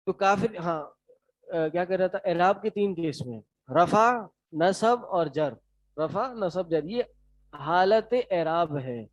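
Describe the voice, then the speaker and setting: A man with a Pakistani Urdu accent teaching a lesson, quizzing his students in a brisk, encouraging way. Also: high-pitched, lively intonation, dry recording. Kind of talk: classroom lecture. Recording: dry, slightly dull sound.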